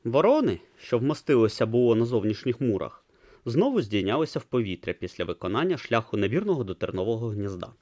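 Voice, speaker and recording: A man narrating a comic fantasy novel as an audiobook, in an expressive storytelling read. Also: medium pitch, fast talker, dry recording, studio quality.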